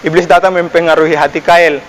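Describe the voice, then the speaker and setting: A young man teaches a children's Sunday school lesson, talking to the kids like their older brother. His voice sits slightly high and lifts when he asks them questions. The sound carries a long reverb from a church hall. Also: little pitch movement, quick pace. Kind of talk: children's sermon.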